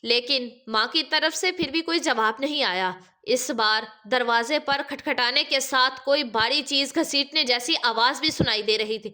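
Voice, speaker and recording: A woman's voice: high-pitched, hardly any pauses, pushed and bright. A woman narrating a religious story in an emotive, dramatic way.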